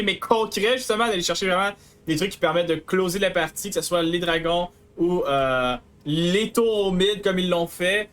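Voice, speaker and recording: A man's voice: high voice, a bit bright. A man with a Quebec French accent analysing an esports match live, mixing English gaming jargon into his speech.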